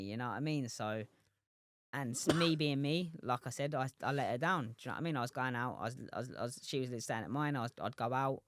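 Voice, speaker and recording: A man's voice: mid-range voice, no room sound, clean studio sound. A man in his twenties, a professional boxer, chatting as a podcast guest, rambling with many restarts and asides. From England. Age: 20s. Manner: rambling, many restarts and "do you know what I mean". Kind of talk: casual interview chat.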